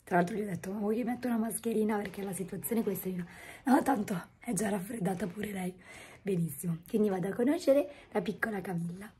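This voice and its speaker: A woman chats casually to a vlog camera, hoarse and losing her voice, at times breaking into a whisper. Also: mid-range voice, fast talker, mellow, slight background noise. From northern Italy. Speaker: daily vlogger. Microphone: phone at arm's length.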